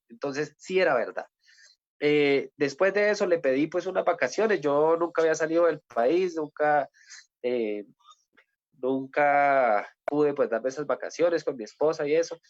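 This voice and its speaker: A Colombian man tells his faith testimony earnestly, checking in with his listeners and circling back over his words. His voice sits a bit high for a man. The recording is dry and somewhat dull, with little room sound. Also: expressive, moderate pace, no echo. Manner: earnest, with repeated rhetorical "¿sí?" and restarts. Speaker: testimony speaker.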